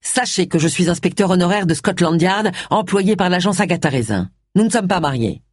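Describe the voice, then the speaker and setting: A proud retired police inspector from an audiobook, stiff and indignant, as a woman reader puts him on. The voice stays close to the reader's own, a little husky and dry, with lively pitch. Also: fairly quick, no echo.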